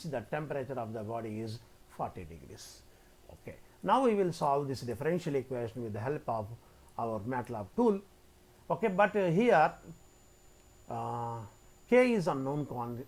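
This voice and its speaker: A man's voice: mid-range voice, a little mellow, rough recording. A man giving a spoken tutorial as a lecturer, often repeating his phrases as he explains each step. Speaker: maths lecturer teaching software coding.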